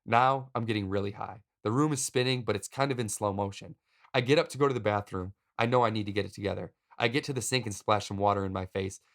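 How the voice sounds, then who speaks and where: A man hosting a podcast, narrating a personal story in a wry, deadpan comic way. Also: lowish voice, fast. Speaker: podcast host.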